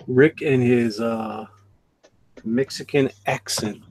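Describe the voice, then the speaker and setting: A man's voice: mid-range voice, fairly even intonation, takes it slowly, a little mellow, slightly rough. A man chatting and teasing on a live stream, laughing at his own jokes. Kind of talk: casual live-stream chat.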